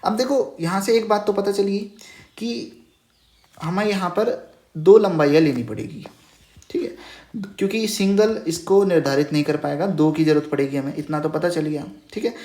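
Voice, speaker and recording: A man with a high-pitched, darkish voice gives a moderately paced Hindi math lesson over a whiteboard, recorded with roomy echo. He patiently checks in with "okay" after nearly each phrase and repeats key terms as questions.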